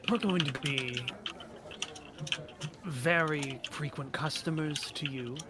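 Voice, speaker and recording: A man's voice: a little high, very noisy. A man playing a tabletop game, joking and laughing often as he narrates his character. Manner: giggly, quick to laugh. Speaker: player.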